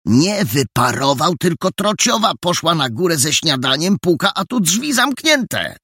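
A man voicing an excitable, breathless boy detective who shouts his news. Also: a little high, measured pace, slightly rough, dry recording, clean studio sound, voice pushed up, full character voice. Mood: excited.

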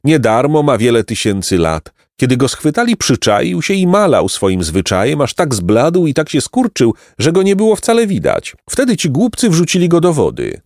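A man voicing a kindly, wise hermit over a hundred years old, speaking gently and with a chuckle, in a storybook reading. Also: a little high, wildly swooping pitch, moderate pace, few pauses, no room sound, studio quality, voice pushed up. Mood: gentle. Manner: gentle, sweet-voiced, chuckling. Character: kindly ancient male hermit, wise and merry.

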